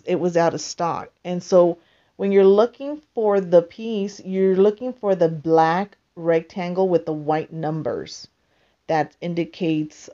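A woman with a slightly low voice talks through her home footage at an unhurried, deliberate pace, pausing often as she explains each step. The sound is a bit dull and lo-fi. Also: warm tone. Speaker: vlogger. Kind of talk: casual voice-over narration.

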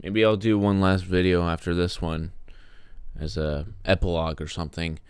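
A man's voice: low-pitched, little pitch movement, moderate pace, darkish tone, smooth, dry recording. A man streaming a game, chatting loosely and trailing off, then joking through his sign-off. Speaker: gaming streamer. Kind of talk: casual live-stream commentary.

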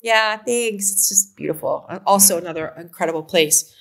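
A co-founder of a company, an American woman in her fifties from Oregon, chats casually in an interview over a video call from a room at home. Her lowish voice is creaky and moves at a moderate pace, and she gestures animatedly as she talks into the webcam.

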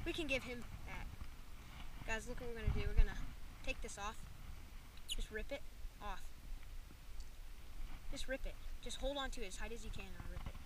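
A woman talking excitedly outdoors by a pond, calling out to her viewers again and again, filmed on a wearable action camera. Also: a little high. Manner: excitable, keeps saying "guys". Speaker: fishing vlogger. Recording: distant mic with loud outdoor noise.

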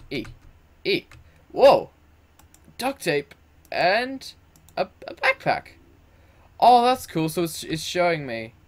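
Excitable man narrating his own gameplay. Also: high-pitched, dry recording. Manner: excitable, talks to himself and the game, self-mocking. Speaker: gaming video host. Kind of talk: let's play commentary.

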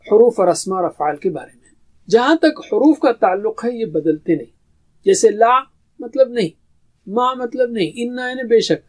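A man's voice: high-pitched, darkish tone. A man giving a grammar lesson as a teacher, explaining patiently and asking his own questions before answering them. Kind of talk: classroom lecture.

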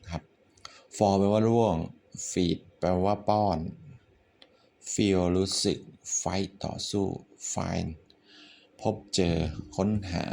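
A man with a Thai accent, teaching English vocabulary in a relaxed way, thinking out loud and swearing offhandedly. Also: low voice, gravelly, slight background noise. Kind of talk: casual spoken vocabulary lesson.

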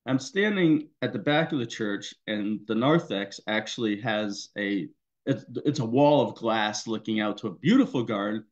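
A male pastor giving a personal testimony in a worship service, in a conversational, halting way with many fillers. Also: on the low side, expressive, dull audio.

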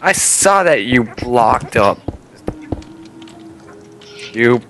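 A man's voice: on the low side, lively intonation, moderate pace, vocal fry, pushed and bright, a little hiss or hum. A teenage boy chatting over voice chat while gaming, with sarcastic, exasperated banter toward a friend who keeps trolling him. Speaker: friend being trolled in a game.

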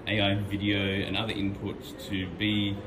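A man's voice: lowish voice, completely flat delivery, normal speed. Young Australian man asking questions. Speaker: visitor questioning a robot. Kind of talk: casual questions. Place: museum hall. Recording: echoey museum hall with crowd noise.

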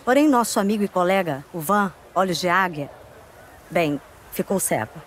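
An actress playing a sly, breezy, daring circus performer in a dubbed video game. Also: female voice, fairly low pitch, animated, normal speed, a little hiss or hum, lightly acted, rough recording. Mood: wry, persuasive.

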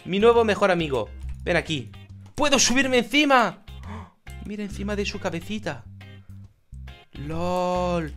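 Excitable high-voiced Spanish gamer. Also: male voice. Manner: excitable, shouts in bursts of joy, chatty with viewers. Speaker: gaming YouTuber. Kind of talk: casual Minecraft let's play commentary.

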